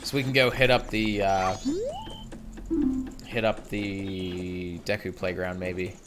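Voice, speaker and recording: A man's voice: low voice, little pitch movement, takes it slowly. A man giving casual, rambling and self-deprecating commentary while streaming a game. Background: game music.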